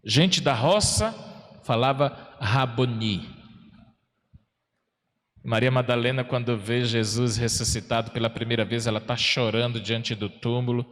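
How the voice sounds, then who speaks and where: A man with a Brazilian Portuguese accent, a parish priest preaching a sermon in a church, folksy and plain-spoken, asking the congregation questions and slowing down for emphasis. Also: mid-range voice. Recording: long church reverb.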